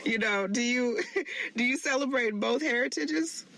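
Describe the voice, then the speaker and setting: A woman's voice: a little high, unhurried, vocal fry, fairly bright tone, slight background noise, poor audio. A woman hosting a podcast interview, upbeat and encouraging with her guest. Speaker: podcast host.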